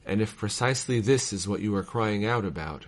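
A man reading old letters aloud in a measured, formal cadence, as a reader of devotional texts. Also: lowish voice.

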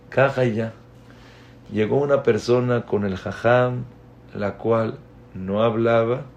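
A man gives a community lecture on raising children. His voice is gravelly and his delivery slow and measured, and he often turns to his listeners with questions. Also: medium pitch, a little mellow, muffled recording. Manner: slow, deliberate, addresses the audience with questions. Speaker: speaker giving a parenting talk.

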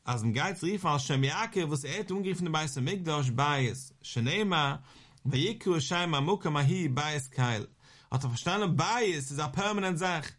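A man giving a Talmud lesson, reading the source aloud and explaining it line by line, slowing into a sing-song when he quotes a verse. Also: fairly high pitch, expressive, fairly bright tone. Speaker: Talmud teacher.

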